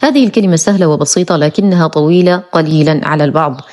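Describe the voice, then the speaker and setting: A woman teaching Quran recitation, explaining errors clearly and slowing down sharply to model each word. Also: deep voice, darkish tone. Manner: clear, careful, slows sharply to model words. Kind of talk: instructional explanation with slow drawn-out recited examples.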